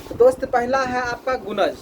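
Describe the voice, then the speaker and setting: A man's voice: very high voice, normal speed. Man, maths teacher, call-and-response drilling, wind noise hissing on the mic. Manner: repeats questions to the class and drills answers. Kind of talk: classroom maths lesson.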